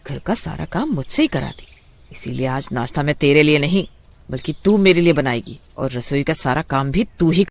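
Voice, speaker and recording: A man voicing a cruel, bossy witch daughter-in-law in a cartoon story, shouting threats and orders. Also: mid-range voice, measured pace. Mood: scolding, menacing. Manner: loud, scolding, threatening.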